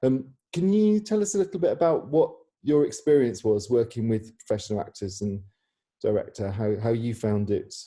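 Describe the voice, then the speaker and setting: A man with a mellow, mid-range voice conducts an informal interview over a video call at a moderate pace. He's a theatre practitioner acting as interviewer, encouraging but slightly rambling and hesitant.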